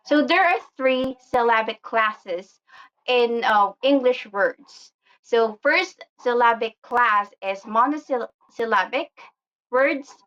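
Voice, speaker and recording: A woman giving a slow, explanatory English pronunciation lesson, often pausing with "um" and "uh". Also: a little high, a bit bright, muffled recording. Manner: frequent "um" and "uh" fillers.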